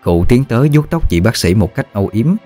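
A man narrating a story in a steady, even audiobook style. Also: fairly low pitch, brisk, soft background music.

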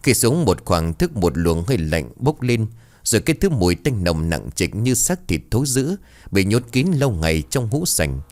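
Guy reading a ghost story, low voice, rises and falls a lot, really dramatic. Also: very animated, moderate pace, a little mellow. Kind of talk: horror story narration.

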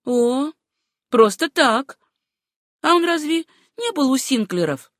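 A woman's voice: high voice, sing-song, slow pace, no echo, clean studio sound, pitched above the performer's own voice, exaggerated voice. A woman reading an audiobook, voicing a curt, jealous young woman who snaps her answers. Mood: suspicious. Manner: curt, snapping.

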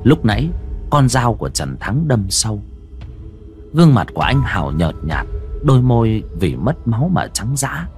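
A man narrating a horror audio story in a dramatic, expressive storytelling way. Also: fairly low pitch, moderate pace. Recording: dry close recording with faint music.

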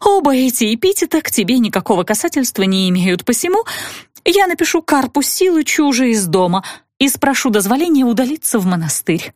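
A woman's voice: on the high side, sing-song, brisk, darkish tone, dry recording, studio quality. A woman voicing a young noblewoman cousin, a proud poor spinster, speaking in agitated, tearful pleading.

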